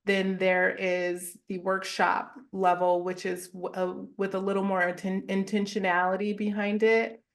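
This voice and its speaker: A woman speaks as a podcast guest in an unhurried, even delivery, her tone low in variation and touched with gravelly fry. She lays out her thinking carefully, like a therapist explaining her approach. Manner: measured, explanatory, steady. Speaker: therapist and wellness founder, guest. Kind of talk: podcast interview conversation.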